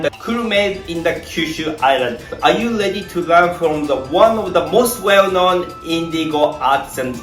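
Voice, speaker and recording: A man from Japan with a Japanese accent, a tour guide giving an upbeat promotional pitch full of rhetorical questions and long lists. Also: a bit bright. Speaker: tour guide and founder of a craft tour. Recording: roomy voice with faint background music.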